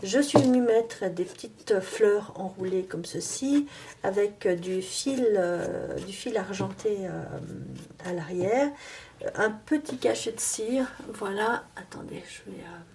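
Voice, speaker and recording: A French-speaking woman hosting a casual crafting tutorial. She talks with many fillers and restarts, and sometimes drops to soft, near-whispered asides. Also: mid-range voice, slow pace, a little hiss or hum.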